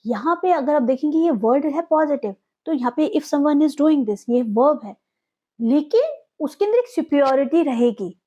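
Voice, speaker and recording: A woman's voice: high voice, warm tone, muffled recording. An Indian woman teaching English vocabulary, asking questions and answering them herself as she mixes English words into her explanations.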